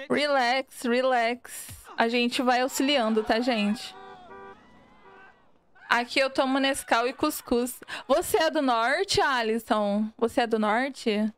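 A young woman with a high, clean voice streams games, chatting casually with viewers and reading the chat aloud. She's from Minas Gerais, Brazil, speaks with a Minas Gerais Portuguese accent, and mixes English words into her talk.

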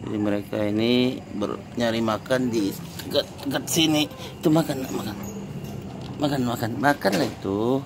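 A man's voice: medium pitch, moderate pace, noisy background. A man feeding stray cats in an outdoor market at night, coaxing them with short repeated calls. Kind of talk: casual talk to animals. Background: cats and passing vehicles.

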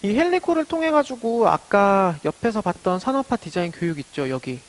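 A man's voice: high-pitched, very animated, brisk, low-quality recording. Korean man giving an exam-prep lecture. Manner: explanatory, asks and answers his own questions. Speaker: art education lecturer.

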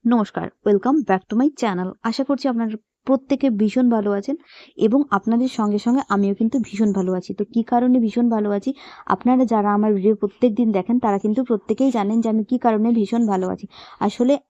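A woman's voice: medium pitch, fairly even intonation, a little fast, warm tone, no room sound, muffled recording. A young woman chatting in a casual vlog, talking straight to her viewers. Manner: chatty, emotional, upset in later parts. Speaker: vlogger.

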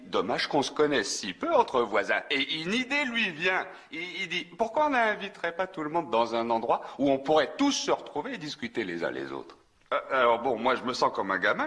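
A man's voice: a little high, pushed and bright, slightly rough, full character voice. An actor dubbing a talkative, nervous small-town soda fountain clerk who stumbles and restarts as he tells a story in a classic film. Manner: rambling, eager, stumbling restarts. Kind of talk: dubbed film acting.

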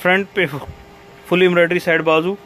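Male shop seller, Pakistani accent, slightly high voice, eager teleshopping patter, faint background noise. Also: level tone, fairly quick, bright, forceful tone. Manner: eager teleshopping patter, repeating praise and prices. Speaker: cloth shop seller presenting stock. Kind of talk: sales pitch for a product video. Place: fabric shop, indoors.

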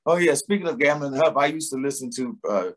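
A middle-aged man from Philadelphia, a singer appearing as a guest, chats casually over a video call, his mid-range voice relaxed and rambling with lots of pauses, fillers and restarts. He's picked up by a webcam in a room at home with a door behind him.

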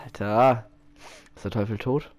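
A man commentating his own match while playing, excitable, often exclaiming and laughing. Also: lowish voice, a little slow. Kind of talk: casual gaming commentary.

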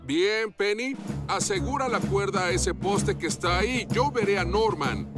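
A man's voice: high voice, lively intonation, measured pace. A man voicing a brave, kind fireman in a Latin American Spanish children's cartoon dub, purposeful and reassuring. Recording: loud music behind.

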